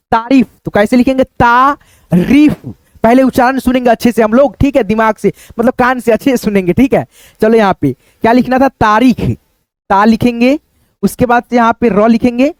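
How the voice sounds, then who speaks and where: High-voiced man teaching spelling slowly. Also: dry recording. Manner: repeats each word slowly, often asks "ठीक है?". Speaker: Hindi writing teacher. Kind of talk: step-by-step spelling lesson.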